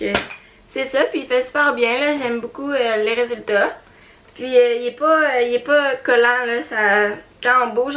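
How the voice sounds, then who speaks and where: Young woman, Quebec French accent, high voice, chatty beauty vlog, lots of fillers. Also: fairly bright tone. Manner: chatty, hesitant, many fillers, giggly. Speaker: beauty vlogger. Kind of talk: casual haul video.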